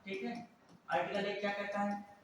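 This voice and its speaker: High-voiced male teacher lecturing and quizzing students, recorded from afar in a booming room with faint noise. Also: monotone, moderate pace. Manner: quizzing, repeating key answers. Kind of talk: classroom lecture with questions to students. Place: classroom. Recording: echoey classroom from far off.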